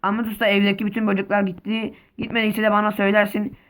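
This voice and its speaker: A woman voicing a kindly old male village builder in a block-building game role-play, talking slowly and gently like a father. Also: mid-range voice, completely flat delivery, close to an everyday voice. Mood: gentle. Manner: slow, gentle, calls others "my child".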